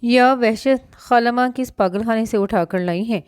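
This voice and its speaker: A woman's voice: on the high side, clear, resonant tone, dry recording, clean studio sound, lightly acted. A woman reading the lines of a blunt, exasperated thirty-three-year-old husband in an audio novel.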